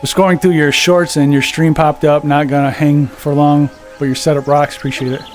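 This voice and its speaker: Out of breath on a VR treadmill at his home setup, this man reads viewers' comments aloud and answers them in casual live-stream gaming chat. His voice is a little high and a little mellow, his delivery flat and brisk, and soft music plays in the background.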